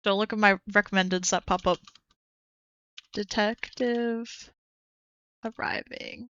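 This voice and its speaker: Bright, excitable young woman streamer. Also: mid-range voice, quick pace, lo-fi sound, a little hiss or hum. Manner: excitable, swearing, chatty. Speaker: streamer host. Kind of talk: casual reaction stream chat.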